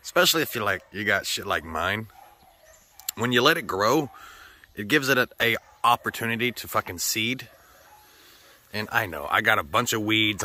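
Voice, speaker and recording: An American vlogger with a slightly sore throat chats casually, rambling and swearing often. His voice is lowish with a sharp tone.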